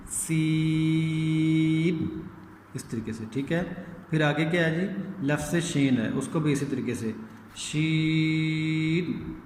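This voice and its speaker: A man teaching young children to read Quranic letters, patiently checking in and drawing out each letter sound in a chanted recitation. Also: on the high side. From Pakistan. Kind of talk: recorded lesson for young children. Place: echoey school room. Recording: echoey room with long reverb, faint hiss.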